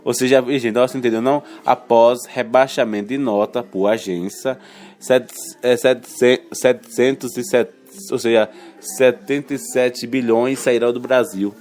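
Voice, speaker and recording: A male radio news presenter with a slight cold reads the headlines informally over a music bed, his medium-pitched voice steady and darkish. He's colloquial and halting, stumbling over words, correcting himself, adding asides and tagging remarks with questions.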